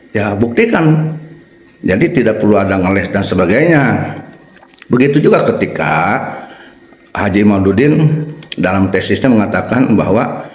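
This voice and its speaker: A male Islamic cleric giving a religious lecture, emphatic, hammering his points by repetition with sudden high-pitched bursts of stress. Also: a little mellow. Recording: echoey room.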